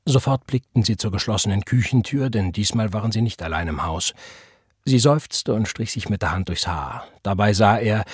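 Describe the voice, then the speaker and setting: A man narrating a novel in a measured, serious storytelling way. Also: lowish voice, breathy edge, no echo, studio quality. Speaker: audiobook narrator. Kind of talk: scripted narration.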